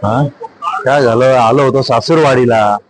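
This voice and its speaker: A man's voice: mid-range voice, a little slow, slight background noise, rough recording. A man chatting casually to viewers as he vlogs from a busy airport terminal on his phone. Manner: chatty, addresses viewers as brothers and friends. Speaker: vlogger. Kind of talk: casual vlog to camera.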